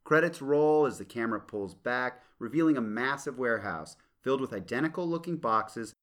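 A man co-hosting a casual legal podcast, relaxed and joking as he retells a film's scenes. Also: mid-range voice, brisk. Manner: relaxed, joking, laughs often. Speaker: podcast co-host.

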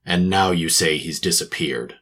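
A man's voice: low voice, normal speed, a bit bright. A man playing a cynical hard-boiled private detective, narrating and talking in a clipped, sardonic tough-guy manner in a noir radio drama.

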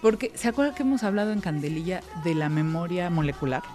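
A woman's voice: lowish voice, expressive, quick pace, darkish tone, soft background music. A woman with a Mexican accent hosting a podcast in casual chat, emphatic and swearing freely. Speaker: podcast host.

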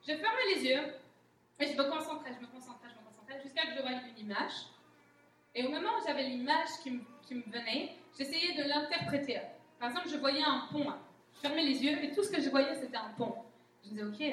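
A woman with a high voice teaches a congregation in a relaxed, candid sermon, often replaying her own past thoughts aloud. She is picked up from a distance, so her voice sounds roomy and echoey, with faint noise underneath. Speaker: guest speaker at a church. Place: church hall, recorded from a distance.

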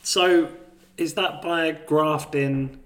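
A man's voice: on the high side, extremely slow. Dry-witted man, distant echoey sound. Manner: dry, deadpan jokes. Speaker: podcast co-host. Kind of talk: casual comedic chat. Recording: echoey and set back from the mic.

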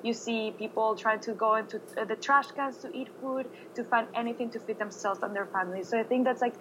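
A woman's voice: on the high side, fairly even intonation, fairly quick, noisy background. A woman, earnestly answering interview questions. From Venezuela. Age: 20s. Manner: earnest, unscripted account.

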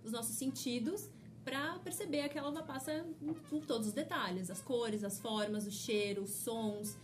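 Soft-spoken woman guiding a mindfulness exercise. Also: fairly high pitch, faint music behind. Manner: slow, soothing guiding with frequent laughter. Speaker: mindfulness teacher. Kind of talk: guided mindfulness instruction in a casual chat.

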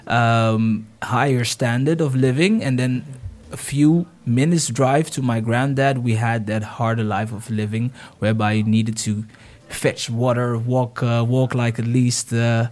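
Young man from the Netherlands, interview guest; easygoing, halting delivery. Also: mid-range voice. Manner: relaxed, hesitant with many restarts. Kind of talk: casual interview.

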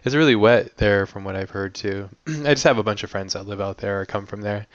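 An American podcast host with ties to San Diego and Hawaii chats in a laid-back, joking casual interview, saying "like" a lot. His voice is lowish and fairly quick, captured as dry, lo-fi audio with no echo.

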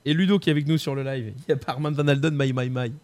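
A man's voice: mid-range voice, steady tone, rapid-fire, heavy background noise. A man hosting a live show, running a song quiz and prank calls in a chatty way, often repeating himself and filling gaps with hesitations. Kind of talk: lively live-stream chat.

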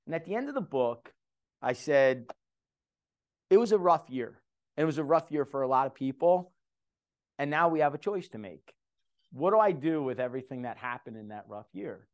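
A man's voice: mid-range voice, animated, moderate pace, pauses often, darkish tone. A middle-aged man giving a personal testimony to a men's group, earnest and conversational, repeating himself for emphasis.

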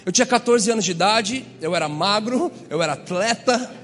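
A Brazilian man preaching a lively, humorous sermon, acting out the voices in his stories. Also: sits high, brisk, in a large hall, slight background noise. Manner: animated, acts out quoted voices. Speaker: pastor. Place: church hall.

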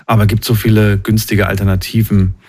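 A man's voice: fairly low pitch, flat delivery, brisk, a little mellow. A man in his thirties hosting a call-in show, chatting casually and asking probing questions, often repeating himself as he starts them. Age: 30s. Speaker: radio call-in host. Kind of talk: casual phone-in chat.

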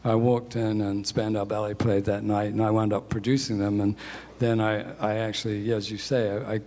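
Man in his 60s, interview guest, slightly low voice, rambling friendly chat, echoey hall sound. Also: level tone, brisk, dark tone. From born in England, grew up in New Zealand. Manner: chatty, self-deprecating, laughs often. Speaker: guest, music industry executive. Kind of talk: conversational interview.

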